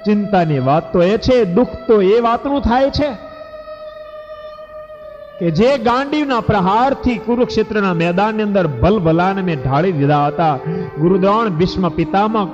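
A man voicing a grief-stricken warrior prince who sobs to his elder brother in a low, broken voice. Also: lively intonation, moderate pace. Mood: grieving. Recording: echoey hall, dull lo-fi, faint music.

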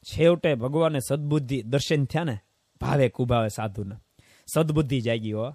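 A middle-aged man preaching a sermon as a swami, telling stories and swinging between hushed asides and loud exclamations. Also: mid-range voice, normal speed, no room sound, studio quality. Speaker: swami preaching at a devotional camp.

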